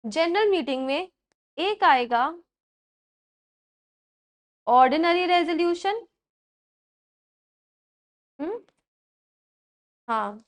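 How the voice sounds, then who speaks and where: A young woman teaching a class and mixing English terms into Hindi, dictating slowly, repeating points and checking that her students follow. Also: extremely high pitch, lively intonation. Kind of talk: classroom lecture.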